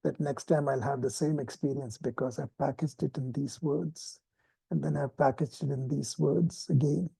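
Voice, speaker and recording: Dark-voiced man giving a relaxed lesson. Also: mid-range voice, moderate pace, creaky, husky, dry recording. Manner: relaxed, self-deprecating, with chuckles and restarts. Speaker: meditation teacher. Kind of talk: informal spoken lesson.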